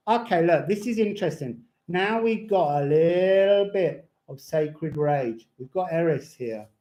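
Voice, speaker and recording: A man's voice: a little high, animated, measured pace, mellow. A man chatting casually on a live stream as a rambling, whimsical tarot reader, his words slightly slurred with lips over toothless gums. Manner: rambling, whimsical, breaks into bits of song. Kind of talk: casual live chat with tarot and astrology reading. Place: indoors at home.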